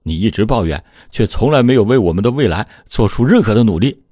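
A man's voice: sits low, expressive, brisk, darkish tone, no echo, clean studio sound. A man voicing a hurt, desperate young husband in a dramatized true-crime retelling, pleading and lashing out. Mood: angry. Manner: pleading, then heated outbursts.

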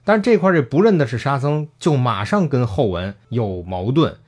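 A man's voice: mid-range voice, expressive, fairly quick, darkish tone. A man casually retelling a classic story, acting out the characters' lines and laughing often.

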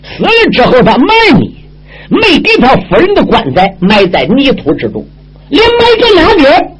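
A man's voice: extremely high pitch, wildly swooping pitch, moderate pace, breathy edge, pitched above the performer's own voice, heavily acted, low-quality recording. Bao Gong, a man doing a stern righteous judge. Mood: firm. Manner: commanding, pressing questions. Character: stern upright old male judge, righteous and forceful. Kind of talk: traditional storytelling, acted dialogue.

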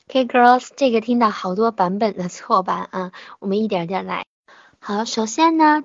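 A woman teaching English pronunciation in an online lesson, patiently modelling sounds slowly and repeating them. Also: fairly high pitch, no room sound, dull audio.

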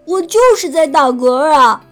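A woman's voice: sits high, a bit bright, soft background music, pitched above the performer's own voice. A woman voicing a whiny, childlike little bear cub in a children's picture-book story. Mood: plaintive. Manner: childlike, plaintive, halting.

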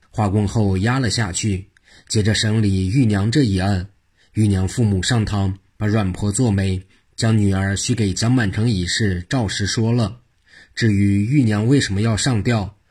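Male storyteller, low and husky, rhythmic phrased narration. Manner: lively rhythmic telling in short phrases.

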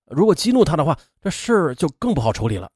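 Man doing a hushed, hesitant student leader. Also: a little high, sing-song, quick pace, breathy edge, no room sound, clean studio sound. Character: cautious earnest male student leader.

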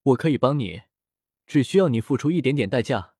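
A man's voice: mid-range voice, lively intonation, brisk, darkish tone, husky, dry recording, studio quality. A man voicing a distant dreamy tempter voice. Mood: coaxing. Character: mysterious disembodied tempter voice, sly. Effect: faint, distant, dreamy voice. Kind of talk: storybook narration.

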